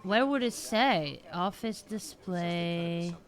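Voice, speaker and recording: A woman's voice: fairly low pitch, takes it slowly. A woman streamer giving casual gameplay commentary, chatty and thinking aloud as she plays.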